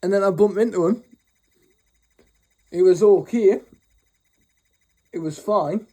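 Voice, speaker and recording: Just out of bed and still drowsy, a young man hosting his channel rambles through a sweary, mocking storytime rant. He speaks slowly in a high, mellow voice.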